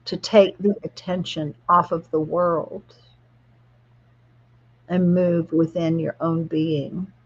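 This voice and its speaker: A woman spiritual guide leading a guided relaxation meditation in a soft, soothing, spa-like manner. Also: lowish voice, little pitch movement, husky, muffled recording. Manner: soft, soothing, slow-paced spa-like delivery.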